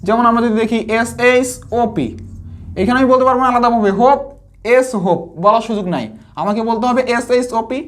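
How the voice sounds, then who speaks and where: বানান ধরে ধরে পড়ানো শিক্ষিকা. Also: female voice, a little high, fast. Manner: spells words letter by letter, then asks and answers her own questions. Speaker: teacher. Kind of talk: pronunciation lesson.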